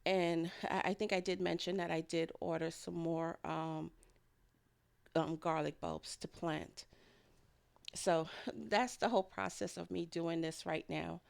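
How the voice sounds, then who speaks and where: Her fairly low voice stays steady, unhurried and smooth, with some vocal fry. She's a home food and garden vlogger giving casual voice-over narration of a kitchen process, rambling along with frequent light chuckles.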